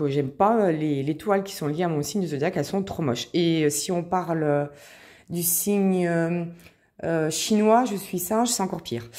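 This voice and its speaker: A woman vlogger chatting casually while unboxing craft kits, excitable and full of hesitations. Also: fairly low pitch. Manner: chatty, filler-heavy, excitable.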